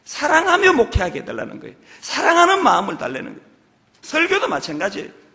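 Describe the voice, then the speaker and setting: Pastor man preaching, bright forceful voice, big reverby church hall. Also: extremely high pitch, huge pitch swings, fast, creaky. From Gyeongsang, South Korea. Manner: emphatic, full of rhetorical questions. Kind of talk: sermon. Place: church sanctuary. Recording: long reverb of a large hall.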